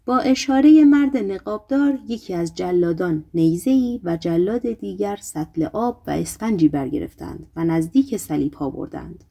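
A woman narrates a novel in a measured, even cadence. Her voice sits a little low and has a soft, warm, mellow tone. The reading is steady and unhurried, scripted storytelling from start to finish. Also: vocal fry. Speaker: audiobook narrator.

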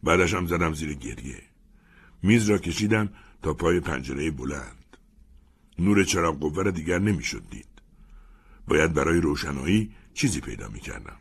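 Brief: deep husky male narrator, lively expressive storytelling read. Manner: expressive, animated reading of a first-person tale. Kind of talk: storytelling reading.

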